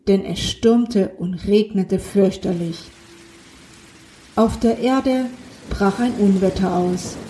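Slow, mellow-voiced woman reading a story. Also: mid-range voice, slight background noise. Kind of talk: reading a children's story aloud, voicing all characters.

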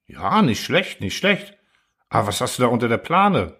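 A flustered male robot constructor, put on by a man reading aloud, from a storybook. He protests and pleads in a pitched-up voice that rises and falls sharply. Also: big pitch swings, normal speed, pushed and bright, breathy edge, heavily acted. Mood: puzzled.

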